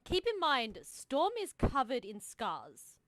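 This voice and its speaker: Animated high-voiced woman tabletop player. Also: slow, a crowd in the background. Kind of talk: casual chat, describing her character.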